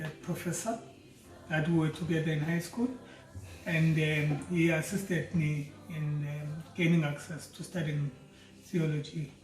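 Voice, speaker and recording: A middle-aged man from South Africa with a South African accent, a doctor giving an earnest, measured personal introduction for a theology course. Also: a little high, a little mellow. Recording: roomy, mic at a distance, faint music.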